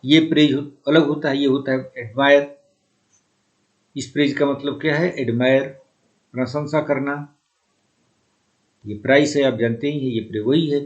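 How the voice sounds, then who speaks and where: A man's voice: medium pitch, fairly even intonation, lo-fi sound. A man with an Indian accent teaching an exam-prep English lesson, switching between Hindi and English and repeating the key words. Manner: slow and deliberate when reading English sentences aloud.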